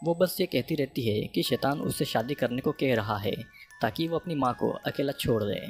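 A man with a Hindi accent narrating a scripted movie plot recap in a steady, even storytelling manner. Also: mid-range voice, gravelly. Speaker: movie explainer. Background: faint background music.

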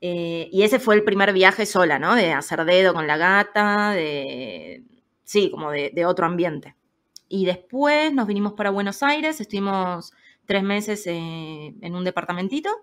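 A woman in her thirties with an Argentine Spanish accent, a podcast guest telling a personal story in a lively, casual way and acting out the voices of people she quotes. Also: lowish voice, measured pace.

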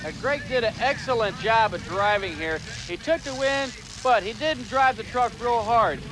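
A man giving color commentary on monster truck races, with excitable, folksy analysis. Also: very high voice, moderate pace. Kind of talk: sports commentary.

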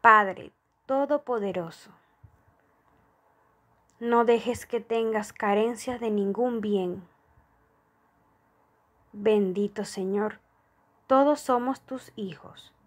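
A woman reads a prayer and money affirmations aloud, taking her time over every phrase. Her voice sits at a middle pitch and stays soft and devotional. The pace is slow and unhurried. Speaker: prayer reader.

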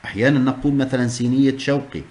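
A man's voice: mid-range voice, level tone, rapid-fire, darkish tone. A man teaching a class, explaining step by step and repeating key terms. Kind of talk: classroom lesson on Arabic prosody.

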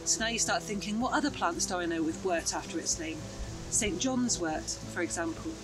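A woman's voice: lowish voice, brisk, distant mic, music in the background, rough recording. A woman in her thirties chattily teaching about wild plants, recorded outdoors in a hedgerow lane and woodland. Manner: bright, chatty, enthusiastic explaining. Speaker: foraging teacher. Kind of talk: outdoor foraging lesson.

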